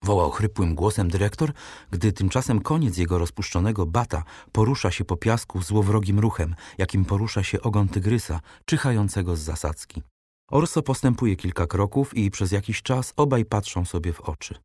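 A man narrating a classic novel as an audiobook, reading in a measured, dramatic way. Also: fairly low pitch, a little mellow, husky, no echo, clean studio sound. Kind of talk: scripted literary narration.

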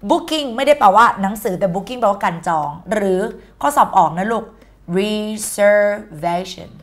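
A woman with a Thai accent gives a lively exam-prep English lesson. Her voice sits a little high. She talks in a chatty, teasing way and drops English words into her explanations. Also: fairly quick. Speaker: teacher.

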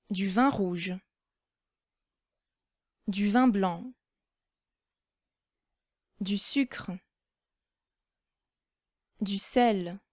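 A woman slowly reading vocabulary words and phrases one at a time for language learners, pausing between each. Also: medium pitch, darkish tone, no room sound, clean studio sound. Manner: reads isolated words and phrases with pauses. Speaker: language teacher.

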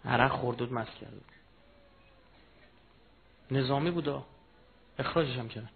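A man giving a mourning sermon, telling a personal story, moving from low murmured storytelling to loud impassioned rising cries. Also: vocal fry, husky. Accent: Persian of Iran. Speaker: religious speaker. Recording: tinny phone-like recording with faint noise.

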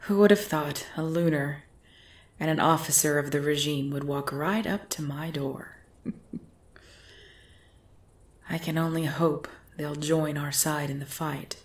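Her low voice carries a formal, imperious, measured manner as she takes the role of a possessive, commanding vampire ruler and lover. The piece is an ASMR roleplay drama.

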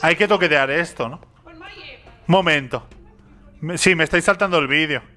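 A man's voice: fairly high pitch, normal speed, pushed and bright. Jittery young man playing a horror game. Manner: nervous, talks to himself, repeats phrases, begs and complains. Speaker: gaming youtuber. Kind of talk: horror game let's play commentary.

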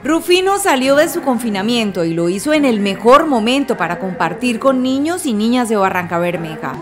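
A woman reporter reading a scripted news voice-over in an upbeat, even manner. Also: a little high, moderate pace. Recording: music bed behind voice-over.

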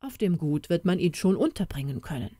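A woman voicing a kindly, wealthy middle-aged uncle who speaks calmly and reassuringly in an audiobook. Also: lowish voice, a little slow, no room sound. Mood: musing.

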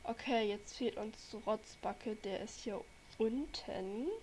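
On a low-quality recording with a little hiss or hum, a young woman from Germany chats to viewers while playing games on her channel. She has a cold, and her medium-pitched voice is slow and a little mellow. Her gameplay commentary is casual and rambling, captured by a desk mic.

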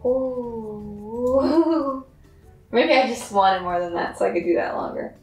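A woman's voice: fairly high pitch, slow, faint music behind. A young woman in her twenties cooking in her home kitchen, chatting to the camera and thinking aloud in a self-deprecating way. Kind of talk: casual cooking vlog. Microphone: far camera. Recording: roomy kitchen sound from a distant camera.

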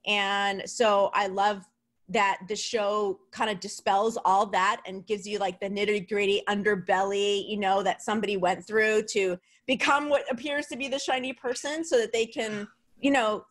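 A woman hosting a casual podcast interview, chatty and quick to laugh, with casual swearing. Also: medium pitch, fairly bright tone. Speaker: podcast host.

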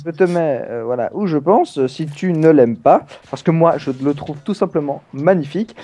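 Brief: young male let's-play host, teasing and chatty, soft warm tone. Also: a little high, normal speed. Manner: playful, chatty, teasing, with many fillers. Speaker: gaming channel host. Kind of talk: casual let's play chat.

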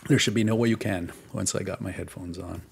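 Gravelly low-voiced man hosting a chat. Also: fairly even intonation, fairly quick, slight background noise. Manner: chatty, self-mocking, laughs easily. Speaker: host of a live drawing session. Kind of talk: casual online chat. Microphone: close desk mic, wearing headphones.

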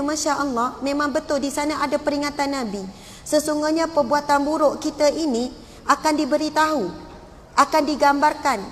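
High-voiced Malaysian woman preaching. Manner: heartfelt, pious exclamations between sentences. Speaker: religious preacher. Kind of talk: emotional sermon storytelling. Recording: long hall reverb with faint noise.

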